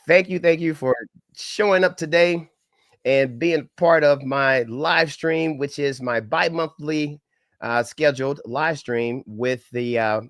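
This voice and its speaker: Nasal and slightly crackly from a head cold, a middle-aged man's mid-range voice comes through clean studio sound without echo. He is a government contracting trainer hosting a live-stream from his Dallas home setup, upbeat and folksy with greetings like a preacher's.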